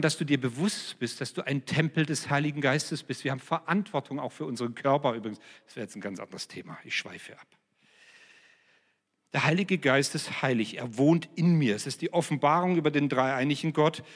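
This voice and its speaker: A man preaching a sermon, swinging between loud emphatic passages and quiet, dropped-voice asides. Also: on the high side. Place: church hall. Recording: reverberant church hall.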